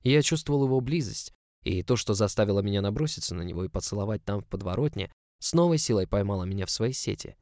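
A man's voice: fairly low pitch, animated, fast talker, a little mellow, no echo. A man narrating a story in the first person, in an intimate, close storytelling manner. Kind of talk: audiobook narration.

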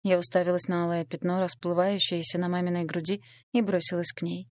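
Woman narrator, low voice, dry close sound, steady dramatic audiobook reading. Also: a little fast, no room sound. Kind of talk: scripted first-person narration.

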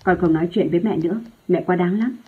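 Storybook role: a frustrated young man in love, read by a woman, low and husky, on a phone-like line. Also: fast talker. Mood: arguing. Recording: tinny phone-like lo-fi sound.

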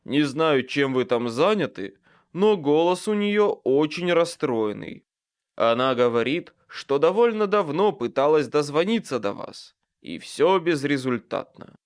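A man reading aloud and voicing an earnest adult man who keeps calling out from upstairs with gentle insistence. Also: fairly low pitch, lively intonation, slow pace, vocal fry, exaggerated voice. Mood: insistent.

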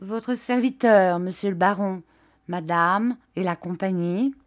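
A woman's voice: mid-range voice, unhurried, natural voice. A woman playing a bashful, evasive young peasant. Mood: hesitant. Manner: stammering, hesitant, rustic speech.

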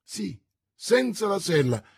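A hearty, boastful musketeer who bellows his lines with a husky, raised voice, as a male reader puts him on. Slow, swelling delivery in a storybook reading. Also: high-pitched, very animated, pitched above the performer's own voice, full character voice. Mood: boisterous. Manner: loud, exclamatory, raised voice.

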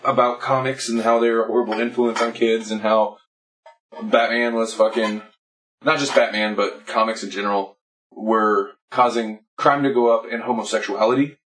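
A man's voice: fairly low pitch, steady tone, normal speed, fairly bright tone, distant mic, rough recording. A man co-hosting a podcast, rambling and swearing as he explains comic history at length. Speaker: podcast co-host. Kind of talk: casual drunk chat about comics.

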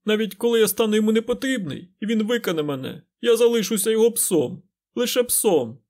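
Audiobook figure: male reader doing a shrill, groveling beggar man. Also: lively intonation, a little fast. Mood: whining. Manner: whining, then shouting and oily-smooth. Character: whining grimy male beggar, wild and shifty.

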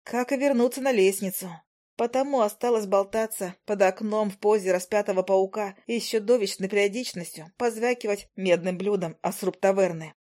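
A woman reading a story aloud in the first person, with a wry, lively storytelling manner. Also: mid-range voice, a little fast. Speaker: audiobook narrator. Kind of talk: first-person scripted narration.

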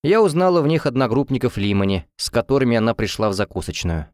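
A man narrating a fantasy novel in first person, expressive and engaged. His pitch moves a lot and his voice sits at a middle height. The recording is close with no room sound. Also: fast talker, no echo. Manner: expressive, storytelling delivery. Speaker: audiobook narrator.

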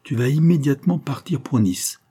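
A man's voice: fairly low pitch, normal speed, mellow, breathy edge. A man reading an audiobook voices a scheming, ruthless female adventuress who gives orders in an imperious, gloating manner. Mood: commanding. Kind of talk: audiobook character voicing.

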